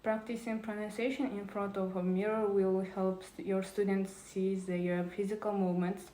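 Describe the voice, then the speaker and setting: A woman's voice: medium pitch, little pitch movement, normal speed, dark tone, reverberant, poor audio. A woman presenting a prepared talk on teaching, reading carefully with small restarts.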